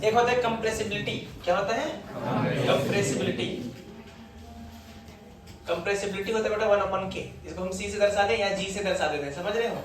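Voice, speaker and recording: A man's voice: high-pitched, steady tone, fairly quick, long pauses. A man teaching physics to a class, quizzing and teasing his students as he goes. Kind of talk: classroom lecture. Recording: echoey classroom from far off, students murmuring.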